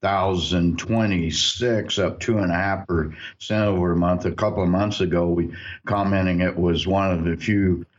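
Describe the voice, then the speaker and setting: Deep-voiced man, lo-fi market talk. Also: steady tone, normal speed, hardly any pauses. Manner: conversational, many fillers, reads figures off. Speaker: co-host of a markets show. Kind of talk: casual market commentary. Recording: dull lo-fi audio.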